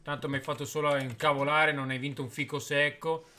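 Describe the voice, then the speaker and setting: A man's voice: a little high, little pitch movement, a little fast, crowd noise. A middle-aged father scolding his adult son, exasperated and grumbling. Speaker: father of the youtuber. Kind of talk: scolding family prank vlog chat.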